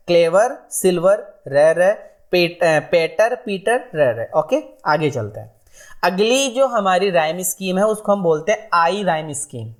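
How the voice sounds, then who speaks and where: A woman teaching an exam-prep lesson. She asks her own questions and answers them, and reads the English examples slowly and deliberately. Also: lowish voice. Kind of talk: exam-prep lecture, explaining in Hindi.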